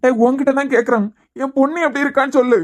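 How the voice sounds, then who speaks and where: A woman's voice: high voice, steady tone, racing, lightly acted. A woman voicing a protective, hot-tempered young father in a cartoon series, with a Kanyakumari Tamil accent. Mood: anxious. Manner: forceful, reassuring to family.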